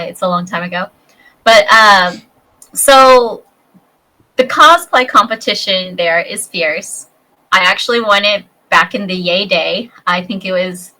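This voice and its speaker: A woman's voice: sharp tone, low-quality recording. A woman in her thirties chatting casually as a podcast guest, bubbly and talkative. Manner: bubbly, chatty, acts out high-pitched voices in her stories.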